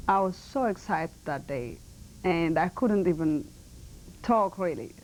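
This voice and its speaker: In a 1990 TV broadcast interview, a model and actress with an Ethiopian accent talks with earnest emphasis and halting, non-native phrasing. Her fairly low voice is expressive and darkish, heard on a rough recording with slight background noise.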